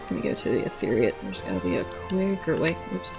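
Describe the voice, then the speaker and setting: A woman's voice: rumbling low, big pitch swings, fast talker, vocal fry, music in the background. Woman muttering over a game stream. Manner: casual, swearing, quiet muttering. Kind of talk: casual gameplay commentary.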